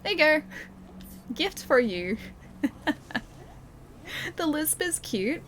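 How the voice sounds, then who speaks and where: Very slow yet very animated, a young woman with a high-pitched, somewhat bright voice streams a game over slight background noise. She chats loosely with her live audience, laughing a lot and restarting what she's saying as she comments on the gameplay.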